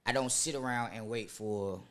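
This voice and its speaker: A man's voice: medium pitch, moderate pace. A young adult man as a guest in a casual chat, laid-back yet insistent and freely profane.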